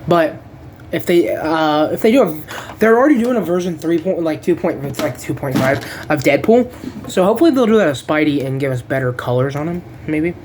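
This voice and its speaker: Rambling, laid-back figure reviewer at a middling pitch, loses track of names and swears offhandedly. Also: animated, brisk, darkish tone, a little hiss or hum. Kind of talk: casual unboxing review.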